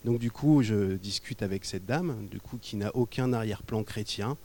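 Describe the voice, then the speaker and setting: Conversational French pastor telling a story. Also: male voice, on the low side, moderate pace. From Normandy, France. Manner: conversational, animated, drops to quiet asides. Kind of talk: sermon with storytelling. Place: church.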